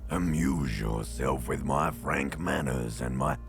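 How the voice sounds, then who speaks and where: Very deep, gravelly talking corpse. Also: male voice, heavily acted. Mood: wry, morbid. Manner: slow, deadpan, wry. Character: talking hanged corpse, morbid, bloated, drily mocking dead man. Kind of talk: video game character acting.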